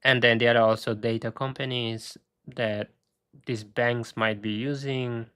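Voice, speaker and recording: A man hosting a casual screen-share walkthrough, thinking aloud with halting restarts, and he is losing his voice. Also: medium pitch, little pitch movement, a bit bright, clean tone, no room sound. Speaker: tech video host.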